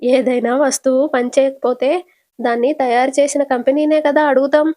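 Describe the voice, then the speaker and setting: Shrill scheming mother-in-law, voiced by a woman. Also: flat delivery, normal speed, mellow, no room sound, natural voice. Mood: indignant. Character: scheming middle-aged mother-in-law, sharp-tongued, easily riled.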